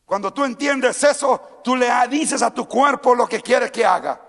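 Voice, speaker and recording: A male pastor preaching a sermon, moving between calm teaching and shouted calls to move and praise. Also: very high voice, measured pace, vocal fry, long reverb tail. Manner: swings from quiet teaching to shouted exhortation; mimics timid churchgoers in a small mocking voice. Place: church sanctuary.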